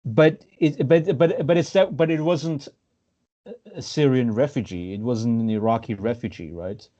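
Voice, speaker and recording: Halting man with a dark, dull voice. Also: mid-range voice. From Austria. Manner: hesitant, many fillers and restarts. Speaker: podcast host. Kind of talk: casual political discussion. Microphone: video call. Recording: dull lo-fi video call audio.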